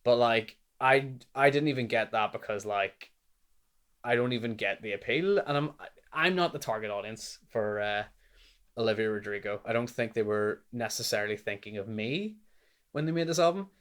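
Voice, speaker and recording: A young man with a Northern Irish accent, chatting casually about albums he has listened to, rambling and animated with lots of fillers. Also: medium pitch, normal speed. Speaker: music reviewer. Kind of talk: casual chat.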